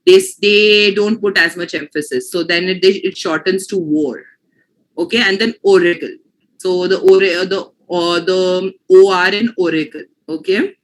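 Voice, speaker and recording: A woman's voice: fairly low pitch, steady tone, normal speed, low-quality recording. A woman with an Indian accent teaching pronunciation in an online class, explaining patiently and often checking that students follow.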